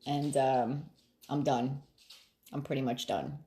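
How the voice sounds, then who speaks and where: Her voice very deep, a middle-aged woman talks to her viewers in a relaxed late-night vlog. At first she's talkative and laughs readily, but she grows calm and thoughtful as she shares advice.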